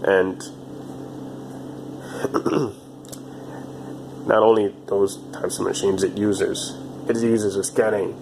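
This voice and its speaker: A man in his twenties talking alone to his channel in a halting, repetitive way, often restarting his phrases. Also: on the low side, background noise. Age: 20s. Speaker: vlogger. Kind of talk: casual monologue to camera.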